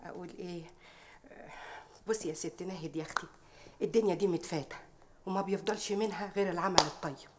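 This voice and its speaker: An actress playing a bold, sharp-tongued working-class maid who speaks Egyptian Arabic, full of proverbs and mockery. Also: female voice, lowish voice, fast, heavy background noise, natural voice. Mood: sly, wheedling. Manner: proverb-heavy, mocking, loud when riled. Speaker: maid confronting a rich wife.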